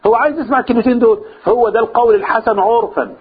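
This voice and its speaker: A religious teacher with an Egyptian Arabic accent explains a religious text to a class in a very high, racing voice, often pausing to question his listeners and repeating key phrases. The recording sounds tinny and phone-like, with a husky quality.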